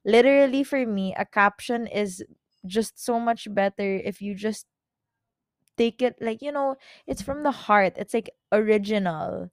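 A woman's voice: medium pitch, no room sound, clean studio sound. Chatty young Filipino woman podcaster. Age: 20s. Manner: chatty, rambling, full of "like" fillers and quick self-corrections. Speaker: podcast host. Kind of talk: casual solo podcast chat.

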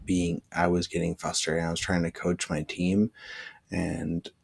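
A man's voice: sits low, completely flat delivery, unhurried, vocal fry, slightly rough. A man hosting a podcast, telling a rambling personal story casually, with frequent swearing and filler words. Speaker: podcast host.

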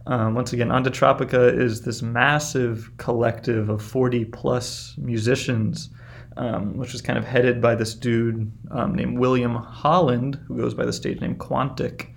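Creaky-voiced man hosting casually. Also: medium pitch, level tone, unhurried. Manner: informal, chatty. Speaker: music show host. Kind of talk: casual music show commentary between songs.

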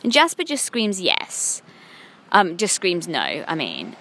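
A woman's voice: moderate pace, a little hiss or hum. A woman in her thirties with an English accent, talking candidly to camera from a parked car, rambling and self-critical. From England. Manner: frank, rambling and self-critical, with lively swings in pitch. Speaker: vlogger. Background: passing cars.

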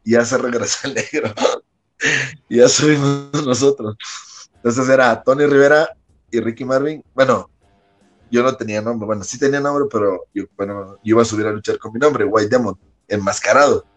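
A man with a Mexican accent, a wrestler guest casually telling an anecdote, animated and often laughing as he acts out the people in it. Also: mid-range voice, moderate pace, soft background music, rough recording. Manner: lively storyteller who acts out quoted people in a raised voice and laughs often.

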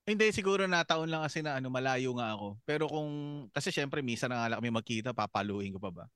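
A man's voice: medium pitch, lively intonation, fast, a bit bright, smooth, no room sound, studio quality. A man co-hosting a podcast, playful and often laughing in casual chat. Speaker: podcast co-host.

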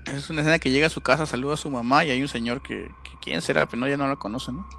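A man's voice: mid-range voice, racing, vocal fry, pushed and bright, a little hiss or hum. Man retelling a film. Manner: retells a plot step by step, storyteller-like. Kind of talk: casual film recap.

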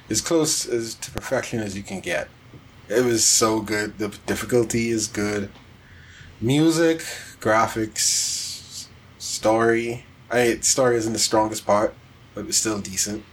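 A man co-hosts a podcast, chatting casually and conversationally about video games. His voice is lowish and his pace measured, with a little hiss or hum on the recording.

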